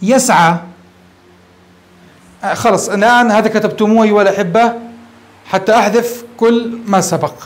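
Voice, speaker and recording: A high-pitched sheikh delivers a grammar lecture at a whiteboard, explaining step by step and asking his students questions, speaking at a moderate pace with long pauses. The audio is poor.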